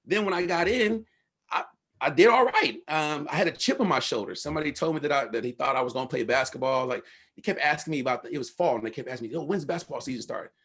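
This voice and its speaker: Husky man telling candid stories. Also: a little high, fast talker, a bit bright. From Los Angeles. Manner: candid, slangy storytelling with swearing. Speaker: guest speaker and researcher. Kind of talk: casual talk with audience Q&A.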